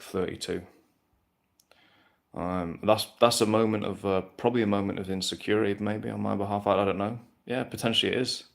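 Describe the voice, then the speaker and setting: A man talks bluntly through viewer questions on a live stream. His voice sits low and gravelly, with a flat, level delivery and frequent casual swearing. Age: 30s.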